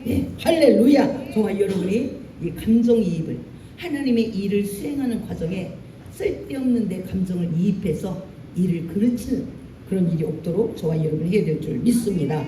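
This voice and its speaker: A woman pastor preaching a sermon in a church, animated, acting out lines in a raised voice. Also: medium pitch, a little fast, reverberant, distant mic, slight background noise. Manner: animated preaching, acts out Moses' angry lines. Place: church sanctuary.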